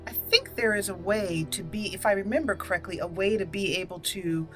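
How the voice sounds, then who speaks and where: Over video game music, a woman hosting a gaming channel chats casually about her play in a medium-pitched, slightly bright voice. She talks a bit fast, musing aloud and calling out item names as she goes.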